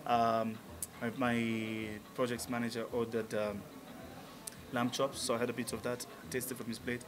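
Speaking a little slowly with little pitch movement, this medium-pitched man is heard over music. A Tanzanian musician in his thirties, he's the guest in a relaxed interview at a restaurant lounge, enthusiastic and filler-heavy, captured with a stand-mounted table mic.

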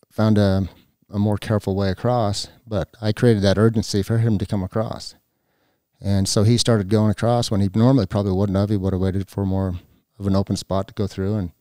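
A middle-aged man telling a personal story on a podcast, halting, with many restarts and fillers. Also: on the low side, dark tone, clear, resonant tone, no room sound, clean studio sound. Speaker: guest. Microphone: podcast mic.

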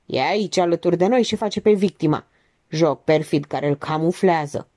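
A woman's voice: lowish voice, mellow, natural voice. A woman doing a curt, commanding man. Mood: tense. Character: tense, commanding man, bossy and brutal.

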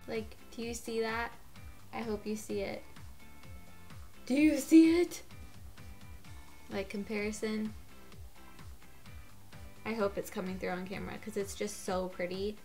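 Stuffy-nosed girl chatting thru her makeup, lots of "like", soft music in the back. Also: mid-range voice, little pitch movement, normal speed, pauses often. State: congested from a cold; gets out of breath. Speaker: beauty vlogger. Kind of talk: casual makeup tutorial.

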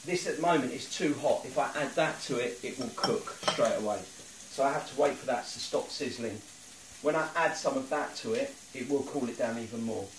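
This home cook, a middle-aged man, leads a step-by-step cooking demonstration in his kitchen, captured by a phone across the room. He has a mid-range voice, heard over a noisy background. The roomy, distant recording picks up a sizzling pan and boiling water.

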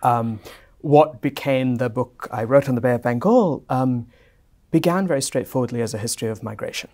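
A middle-aged man from Singapore, speaking at medium pitch, appears as a guest historian in an academic conversation. Sitting in a bright office lounge, he answers at length in a measured, fluent way.

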